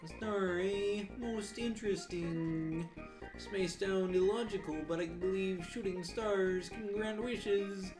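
A woman voicing a patient old male frog sage from a video game, speaking as a wise mentor in measured, formal phrases. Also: medium pitch, steady tone, close to an everyday voice, rough recording. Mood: grave, kindly. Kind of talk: dramatised video game dialogue reading. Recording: music behind the voice. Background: plucked-string game music.

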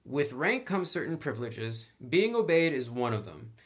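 In a relaxed, chatty tutorial on a tabletop game, a man goes through each step and reads parts of the rules aloud. His voice is a little high, swinging widely in pitch at a moderate pace.

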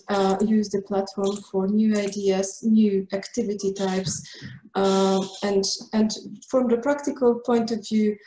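A woman's voice: medium pitch, dark tone. Hesitant young woman with a headset. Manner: hesitant, many fillers. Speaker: host organizer. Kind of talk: closing remarks. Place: office with a map on the wall. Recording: echoey room, faint noise.

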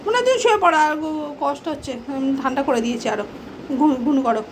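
A woman's voice: high-pitched, a little fast, noisy background. A woman at home, fussing fondly over her pet dog and scolding her child. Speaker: pet owner and mother. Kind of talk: casual home video chat. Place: indoors at home.

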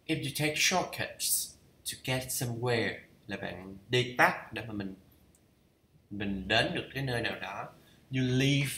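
A Vietnamese man reads an English course aloud in a casual study vlog, working through idioms. He thinks out loud and says the phrases slowly to check their pronunciation. His mid-range voice has a sharp tone, and the sound is roomy.

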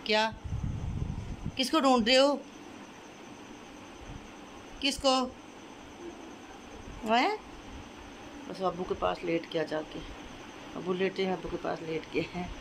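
A woman's voice: fairly low pitch, slow, pauses often. Woman vlogging at home over background noise. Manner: coaxing and soothing a crying child. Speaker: family vlogger. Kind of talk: casual home vlog narration. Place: family home indoors. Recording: noisy home phone recording.

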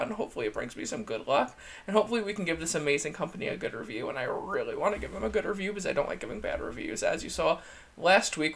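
A man with a campy, chatty drag queen manner, giving a casual, gushing video review in a creaky voice. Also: high-pitched, a bit bright. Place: indoor room, seated at a desk.

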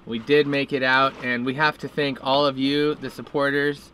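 Bright-voiced young man on a sailboat. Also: mid-range voice, flat delivery, normal speed, a little hiss or hum. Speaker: sailing vlogger. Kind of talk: casual vlog talk to camera. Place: sailboat cockpit at sea, outdoors.

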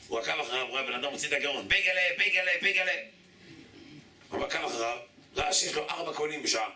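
A man's voice: mid-range voice, bright, forceful tone, far from the mic. A man giving an emphatic sermon as a rabbi, telling stories and acting out their characters while he repeats appeals to his listeners. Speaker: rabbi giving a Torah lesson. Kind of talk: sermon with storytelling. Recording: echoey hall, speaker away from mic, faint hiss.

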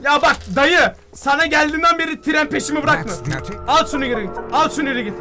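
A man streaming a game live, excitable and joking, often shouting at what happens on screen. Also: extremely high pitch, quick pace, faint music behind. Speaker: gaming streamer. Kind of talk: live gameplay commentary. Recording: game sounds and noise under the voice.

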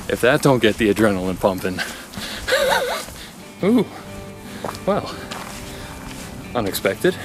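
A man in his thirties vlogging a hike outdoors on a forest trail, talking casually into a handheld action camera with a chatty, thinking-aloud manner. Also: sits low. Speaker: hiker vlogger. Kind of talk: casual trail vlog narration. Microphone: action camera on a handheld pole.

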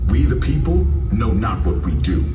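A man playing a defiant rebel giving an impassioned dramatic show speech, echoing and distant over loud music. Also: on the low side, very animated, moderate pace. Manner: impassioned, oratorical. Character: defiant male rebel against the Purge.

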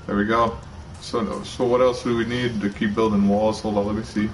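A man's voice: lowish voice, normal speed. Joking young man gaming with a friend. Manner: joking, excitable, slangy. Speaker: gaming streamer. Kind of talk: casual gaming chat. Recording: distant voice with clear background noise.

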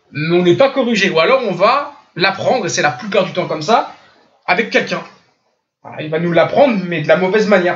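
A high, fairly bright male voice belongs to an Islamic teacher who speaks French. Through a computer mic in an online voice chat room, heard in lo-fi audio, he gives a religious lesson and keeps correcting pronunciation by demonstrating the sounds.

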